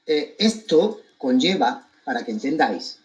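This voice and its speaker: A man with an accent from Spain gives a deliberate, emphatic monologue to an audience, breaking his phrases with pointed pauses. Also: a little high, sing-song, rough recording. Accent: Spanish from Spain. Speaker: commentator giving his account of a court case.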